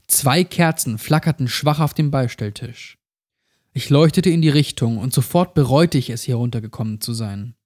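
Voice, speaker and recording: A man reading a first-person horror story aloud in a measured, grave storytelling tone. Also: mid-range voice, darkish tone. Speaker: creepypasta narrator.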